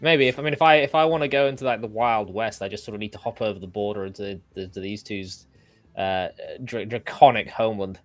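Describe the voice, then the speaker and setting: A man's voice: lowish voice, a little fast, no room sound. An English man hosting a casual livestream chat, rambling and self-deprecating with many restarts. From England. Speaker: host.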